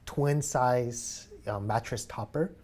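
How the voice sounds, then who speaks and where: A young man tells a long personal story in relaxed conversation. He talks in an easygoing, chatty way and laughs often, with plenty of fillers and restarts. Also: medium pitch, slow. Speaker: guest sharing a mattress story. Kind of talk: casual chat.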